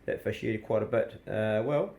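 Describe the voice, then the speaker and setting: A man's voice: on the low side, normal speed, vocal fry, darkish tone. A man with a broad New Zealand accent chatting casually to his vlog viewers in a plain-spoken, colloquial way. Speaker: vlog host.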